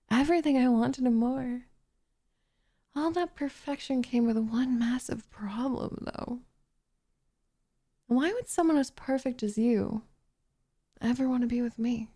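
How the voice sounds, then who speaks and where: In an ASMR roleplay, a woman plays a lovestruck, possessive witch, coaxing and condescending in a soft voice that drifts into whispers. Her pitch is fairly high, with vocal fry.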